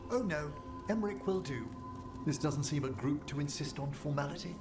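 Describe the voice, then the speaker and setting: A man's voice: fairly high pitch, normal speed, close to an everyday voice. An actor playing a polite, formal older male scholar in a video game. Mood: courteous. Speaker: game character. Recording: game audio with echo and music.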